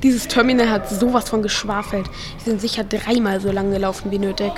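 A woman's voice: medium pitch, flat delivery, fairly quick, noisy background, lightly acted. A woman voicing a teenage boy from Earth in an audio drama, with casual, slangy teen talk. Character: teenage boy from Earth, cocky but grieving. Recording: music playing underneath.

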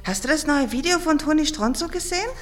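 A bubbly, high-voiced alien teen girl. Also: lively intonation, fast. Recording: music playing underneath.

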